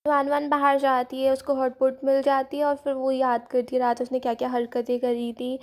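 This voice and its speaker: A woman's voice: sits high, monotone, a little fast, a little mellow. A woman narrating a casual recap of a drama series, retelling the characters' lines lightly in her own voice and mixing English words into her talk. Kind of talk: casual spoken story recap.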